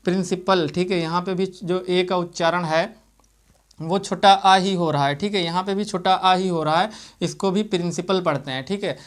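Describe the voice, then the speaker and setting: A man's voice: high voice, fairly even intonation, moderate pace. A man teaching English pronunciation in an explanatory lesson. He spells words out letter by letter, asks himself rhetorical questions and keeps checking in with the class. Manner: keeps repeating "theek hai" to check in.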